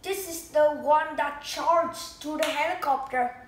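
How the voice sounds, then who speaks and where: Woman vlogger, high and bright, slow excitable delivery in an echoey room, slightly broken English. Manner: excited, exclaiming, talks to viewers as guys. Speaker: vlogger unboxing a toy. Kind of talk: casual unboxing vlog. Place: indoors at home. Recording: echoey room, faint noise.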